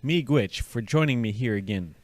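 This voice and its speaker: A man's voice: mid-range voice, very animated, dry recording. A man teaching a language lesson, patiently sounding out syllables and words for the listener to repeat. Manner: slow, drawn-out repetition of syllables.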